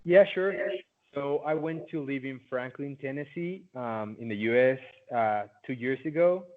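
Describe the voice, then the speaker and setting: A native Spanish speaker from Mexico, a man in his late teens with a Mexican Spanish accent, answers interview questions as a former student, loose and chatty with lots of "like" fillers. His voice is mid-range at normal speed. He is heard over a video call on a tinny, phone-like line.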